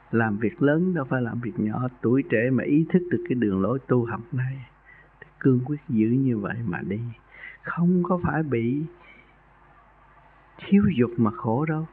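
A man's voice: medium pitch, slight background noise. Guy teaching meditation on a radio call-in, folksy and earnest, tinny phone line sound. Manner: folksy and earnest, raising his voice for emphasis. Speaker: spiritual teacher advising a caller.

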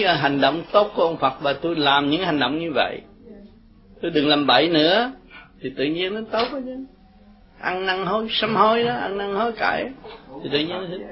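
An older Buddhist teacher giving a rambling, folksy talk to his followers, chuckling as he tells stories. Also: high voice. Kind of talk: informal dharma talk with followers. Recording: dull lo-fi recording with crowd behind. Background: group of listeners.

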